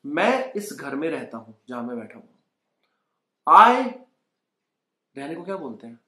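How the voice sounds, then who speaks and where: A man's voice: on the high side, sing-song, measured pace, bright, forceful tone. A young Indian man teaching spoken English in Hindi, coaxing learners to repeat the sentences after him. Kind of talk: Hindi-English language lesson. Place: indoors at home. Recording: echoey room.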